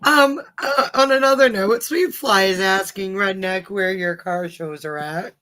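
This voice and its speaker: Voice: medium pitch, bright, forceful tone. A co-host on a casual live stream, laughing often and reading out chat questions. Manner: laughs often, slow easy reactions.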